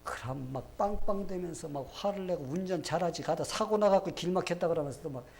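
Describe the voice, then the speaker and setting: A man's voice: high-pitched, a little fast, vocal fry, a little mellow, a little hiss or hum. A man from Korea preaching a sermon as pastor, asking rhetorical questions and acting out quoted people. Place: church sanctuary.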